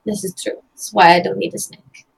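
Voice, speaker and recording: A woman playing a tabletop game in character, speaking in a measured, cool way. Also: mid-range voice, little pitch movement, gravelly, low-quality recording. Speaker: player.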